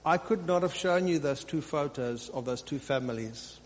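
This pastor's voice sits a little high and moves at a moderate pace. Unscripted, he exhorts the congregation and keeps returning to phrases for emphasis. The sermon was recorded live in a spacious, echoing room, with light hum and noise.

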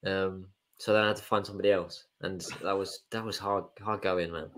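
A preacher with a cold talks easily on a church podcast, rambling a bit and poking fun at himself. His voice sits low and slightly stuffy. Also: a little fast. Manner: relaxed, self-deprecating, rambling. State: has a cold. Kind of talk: casual live-stream chat.

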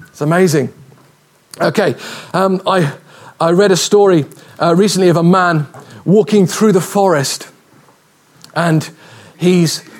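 A man preaching a sermon in a lively, humorous, conversational way, telling stories. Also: high voice, slightly rough. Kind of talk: sermon with storytelling.

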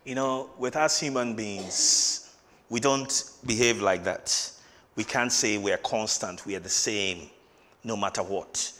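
A man preaching in a church hall, his bright, forceful voice carrying with a long reverb around it. He hammers key words by repeating them and slows right down when reading scripture aloud. The delivery is a sermon, earnest and emphatic. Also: fairly low pitch, a little hiss or hum. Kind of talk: Christmas sermon.

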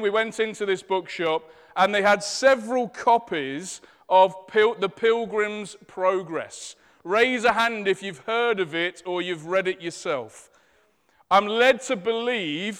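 A man with a Leicester accent preaching a church sermon in deliberate, emphatic phrases. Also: sits high, fairly bright tone, clean tone. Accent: Leicester, English East Midlands. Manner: deliberate, emphatic phrasing, seeking amens from listeners. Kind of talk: church sermon with scripture reading and prayer. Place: large echoing room, church service. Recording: reverberant hall sound.

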